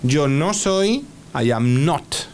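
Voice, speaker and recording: A man's voice: on the high side, expressive, extremely slow, a little hiss or hum. A man teaching an English lesson in Spanish on the radio, patiently spelling out words and checking with "ok?".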